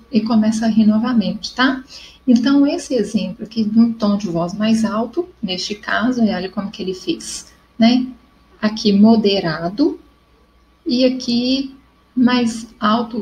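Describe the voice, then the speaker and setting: Brazilian lady teacher explaining stuff to the class, normal pitch, keeps asking "ok?", bit of noise in the background. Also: darkish tone, rough recording. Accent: Brazilian Portuguese. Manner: explanatory, checks in with "tá?" and "ok?". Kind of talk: online class lesson.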